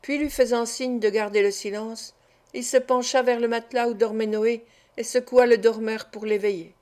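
A woman narrating a classic novel as an audiobook, in a steady, measured way. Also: fairly high pitch. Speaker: audiobook reader.

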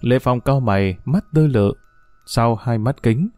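A man narrating a detective story in a steady, measured reading. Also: medium pitch, no echo, faint music behind.

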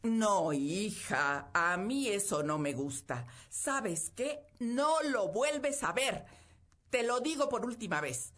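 A woman storyteller voicing a strict mother who forbids and scolds, loud and slow. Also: high-pitched, expressive, pitched above the performer's own voice, full character voice. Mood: scolding.

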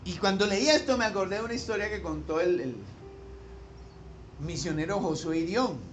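Male pastor, high tenor, emphatic sermon delivery, faint noise floor. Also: normal speed. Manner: animated preaching, rising to loud emphatic peaks, asks the congregation questions.

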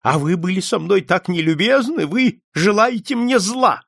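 A man doing a shrill paranoid old man. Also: lively intonation, moderate pace, gravelly, a bit bright, dry recording, studio quality, heavily acted. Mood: fearful. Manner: shrill, pleading, frantic. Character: paranoid frail old man, terrified and suspicious. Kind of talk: audiobook character reading.

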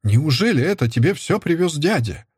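A man voicing an anxious, gentle mother who pleads with her husband and soothes her child. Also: fairly high pitch, big pitch swings, moderate pace, breathy edge, dry recording, clean studio sound, pitched above the performer's own voice, heavily acted. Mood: distressed. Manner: soothing yet fretful, pleading.

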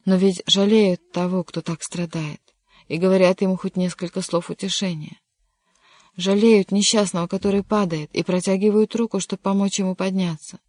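A lovesick young count pours out his despair, as an audiobook reader plays him. The voice stays fairly even in pitch even as he pleads, and the recording is close and dry. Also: moderate pace, no room sound, natural voice. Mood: anguished. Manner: impassioned, pleading. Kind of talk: audiobook reading.

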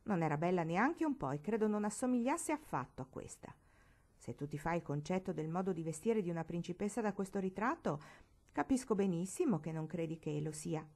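A woman voicing a spiteful, bratty rich girl in a storybook reading, taunting and shrill when angry. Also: expressive, a little fast, darkish tone. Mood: breezy.

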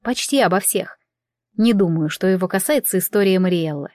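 A woman reads a first-person fantasy story in an even, plain storytelling voice at a middle pitch. The recording is close and dry, with no room sound. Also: fairly quick, no room sound. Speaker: audiobook narrator.

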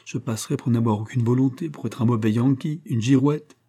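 A man voicing a domineering, proud billionaire father in middle age, speaking in forceful outbursts he tries to hold back. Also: medium pitch, fairly quick, slightly rough. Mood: blustering.

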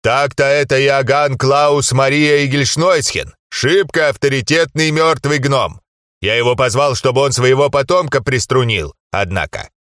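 A man voicing a huge blue male giant shaman who talks in a slow, laconic drawl. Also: medium pitch, fairly bright tone, no echo, studio quality, close to an everyday voice. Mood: matter-of-fact.

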